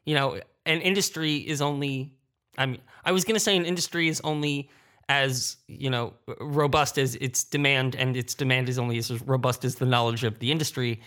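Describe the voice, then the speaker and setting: On a casual roundtable panel, a man who creates audio dramas and works as a sound designer speaks candidly, thinking out loud and correcting himself. His voice is medium-pitched and fairly bright, with fairly even intonation at a moderate pace.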